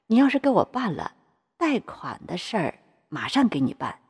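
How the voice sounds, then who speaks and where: A woman's voice: mid-range voice, very animated, moderate pace, darkish tone, husky, exaggerated voice. A woman voicing a crude, lecherous middle-aged male bank official who swears and bullies. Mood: coaxing. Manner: coarse, swearing, bullying. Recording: long reverb.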